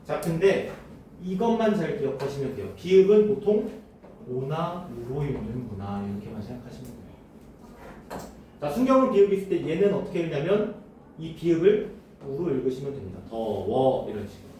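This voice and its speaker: A man's voice: a little high, very animated, moderate pace, dark tone, a little hiss or hum. A man teaching a classroom lesson, often asking the students questions and then answering them himself. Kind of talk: classroom lecture. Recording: echoey room, voice from far off.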